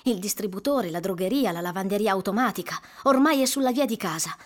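A woman narrating a suspenseful audiobook in a measured, dramatic storytelling manner. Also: medium pitch, animated.

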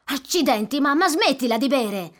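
A bitter teenage boy in an audiobook snaps and scolds, his words sharp and reproachful, with a woman reader putting him on. The voice sits a little higher than her plain narration, loud and edged with resentment. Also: animated, brisk. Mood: angry. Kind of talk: audiobook character voice.

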